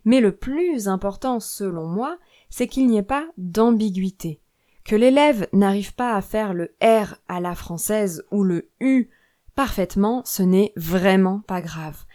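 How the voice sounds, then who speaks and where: Clear-spoken French teacher woman. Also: mid-range voice, lively intonation, warm tone. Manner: clear, measured and explanatory. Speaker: French teacher and podcast host. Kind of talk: scripted podcast lesson.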